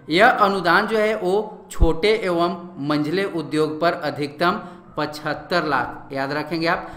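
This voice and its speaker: A man with a sore, slightly hoarse throat teaching an exam-prep lecture that walks through quiz answers. He explains in a repetitive, filler-heavy way and often says "okay". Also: fairly high pitch, pushed and bright, echoey room.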